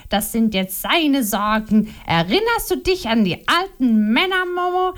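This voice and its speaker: A woman's voice: sing-song, unhurried, a bit bright. A woman reading a stout, fiery innkeeper's wife in an audiobook, scolding and agitated. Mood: indignant. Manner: agitated, scolding, raised pitch.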